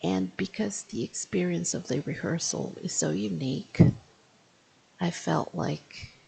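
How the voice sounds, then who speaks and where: A woman in her fifties who teaches English gives a spoken video review, explaining things deliberately and slowing down to stress key phrases. Her voice is fairly low and darkish with vocal fry, and the recording quality is low.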